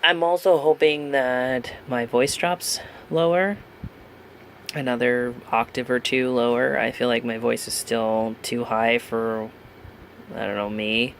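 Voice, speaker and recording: A man's voice: mid-range voice, steady tone, slow pace, gravelly, a little hiss or hum. A man chatting casually to camera in a vlog, rambling with lots of ums, joking frankly and laughing at himself, at home. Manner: candid and joking, swears casually. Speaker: vlogger. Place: at home with his cat.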